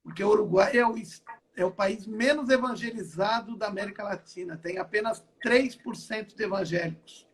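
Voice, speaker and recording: An older apostle and pastor from southern Brazil talks a little fast in a high voice. He's giving his testimony in an online interview from his home, with repetitive phrasing that stacks and restarts.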